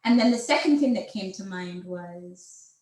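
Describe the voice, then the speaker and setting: A woman hosts the conversation and asks her guest measured, probing questions. Her voice sits at an ordinary middle pitch, and the room around her adds a noticeable echo. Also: animated, a little mellow. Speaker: host. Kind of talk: interview conversation. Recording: roomy echoing room.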